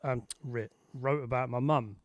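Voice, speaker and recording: Halting, reflective man host. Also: medium pitch, fairly even intonation, muffled recording, a little hiss or hum. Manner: soft, halting and reflective, with many ums and restarts. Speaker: host and singer-songwriter. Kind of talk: casual online chat between songs. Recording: loud guitar music behind.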